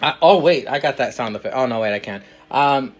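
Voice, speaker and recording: A man hosting a casual podcast interview, upbeat and quick to laugh at himself. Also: medium pitch, lively intonation. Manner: upbeat, laughs easily, self-mocking. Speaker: podcast host.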